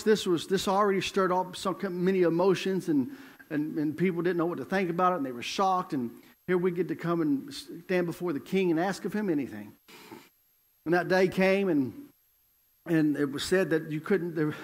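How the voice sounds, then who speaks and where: A man's voice: high voice, brisk. A male evangelist preaching a sermon in a church, telling a story with emphatic, repeated phrases.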